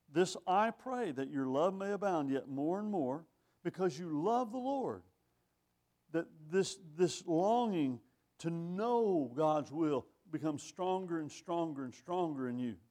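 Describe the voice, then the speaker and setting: An older male preacher with a somewhat high voice delivers a sermon. He talks in a conversational, wry way, reading scripture aloud and asking rhetorical questions. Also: a little mellow. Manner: reads scripture in older phrasing.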